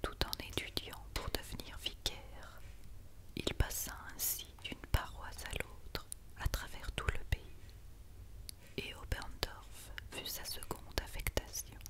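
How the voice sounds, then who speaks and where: A woman gives an ASMR storybook reading entirely in a whisper. Her delivery is breathy and unvoiced, with no full tone. It stays hushed and quiet, suited to night-time listening. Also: takes it slowly. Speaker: ASMR reader.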